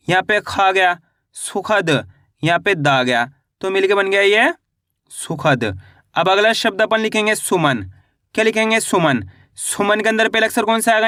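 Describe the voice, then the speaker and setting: A man teaching beginners to read, building words syllable by syllable, asking questions and saying each finished word slowly. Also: bright, forceful tone, no room sound, clean studio sound. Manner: spells out syllables, then says each word slowly and lower; asks learners questions as he teaches. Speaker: Hindi reading teacher. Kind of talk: online lesson.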